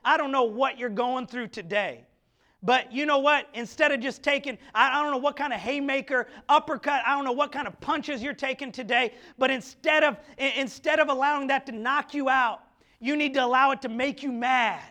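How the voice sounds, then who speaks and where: High, bright-voiced male pastor preaching. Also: moderate pace. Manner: impassioned, rhetorical questions, stammering restarts. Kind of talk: sermon. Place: church sanctuary.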